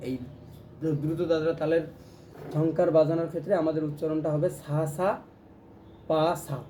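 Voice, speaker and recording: A man's voice: a little high, level tone, normal speed, slight background noise. A man teaching a ukulele lesson, explaining strums and chanting rhythm syllables as he plays. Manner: counts strums and chants rhythm syllables aloud while playing. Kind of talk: music lesson. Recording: loud plucked strings under the voice.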